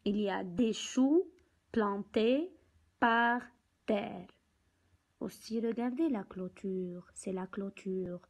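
A woman with a medium-pitched voice teaches young children from a picture book, speaking slowly and deliberately. She repeats words and counts aloud, though the audio quality is poor.

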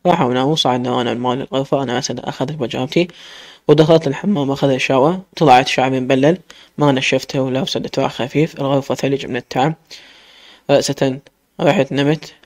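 A man with an Iraqi accent reading a romance story aloud as a storyteller, in rapid running narration. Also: mid-range voice, steady tone, a little mellow, no room sound.

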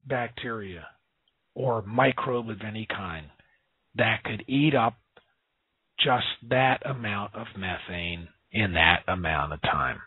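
A hoarse, husky man hosts a call-in radio talk show, talking in an excited, emphatic way with plenty of fillers. His voice comes through dry and thin, like a phone line. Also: fairly low pitch, slow pace, dry recording. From US Gulf coast.

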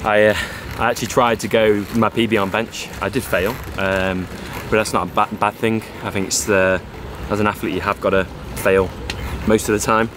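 A man's voice: on the low side, level tone, normal speed, hardly any pauses, background noise. A man, chatting casually and teasing playfully in a vlog as an athlete. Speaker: vlogger and athlete.

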